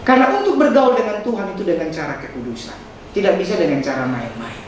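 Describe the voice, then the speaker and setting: A male pastor preaching a sermon, emphatic, with sudden high dramatic outbursts and quick asides. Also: expressive. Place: church hall. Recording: echoey hall, distant mic, faint noise.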